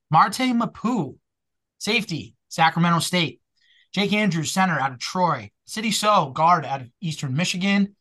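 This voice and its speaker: A man with a Boston accent hosting a casual sports podcast, chatty and energetic. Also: a little high. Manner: energetic, chatty, quick asides. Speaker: podcast host.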